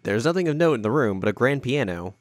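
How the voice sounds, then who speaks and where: A man hosting a game playthrough, reading the story text aloud in a plain, steady way. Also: medium pitch, fast talker, no echo, clean studio sound. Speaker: let's-play host.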